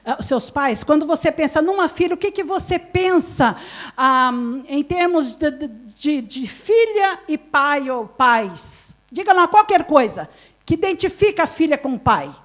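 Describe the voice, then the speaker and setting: Woman pastor, Brazilian Portuguese accent, high voice, live conference sermon, questions to the crowd, laughs often. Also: very animated, a little slow. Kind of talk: interactive sermon at a women's conference.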